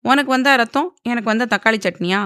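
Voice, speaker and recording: A woman's voice: a little high, brisk, a bit bright, clear, resonant tone, no echo, clean studio sound, pitched above the performer's own voice, close to an everyday voice. A woman voicing a cheeky young man who teases his older sister, in an audio novel. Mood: teasing. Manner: bantering, irritated.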